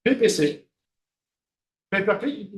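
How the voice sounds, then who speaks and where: This high-pitched male lecturer is animated but takes things slowly. He keeps the lesson conversational, quizzing the room and using filler sounds between points.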